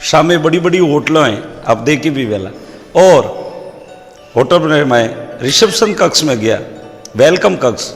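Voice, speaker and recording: A man's voice: a little high, measured pace, faint music behind. A man with a Rajasthani accent telling comic folk stories and proverbs as a stage comedian. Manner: lively storyteller quoting proverbs. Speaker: stand-up comedian. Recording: long hall reverb.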